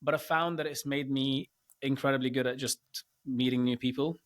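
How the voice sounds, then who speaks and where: A man at a mid-range pitch hosts a relaxed podcast conversation. He is openly enthusiastic, quick to exclaim over what he hears. He often pauses on fillers and restarts his phrases as he goes. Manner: effusive, quick to exclaim wow and gosh; hesitant with fillers and restarts in long intros. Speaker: podcast host. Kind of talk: casual interview chat.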